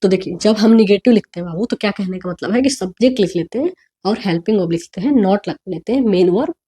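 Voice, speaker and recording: A woman teaching English grammar, unwell and coughing, who speaks softly and asks the class questions before answering them herself. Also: mid-range voice, quick pace, breathy edge. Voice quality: soft, quiet delivery.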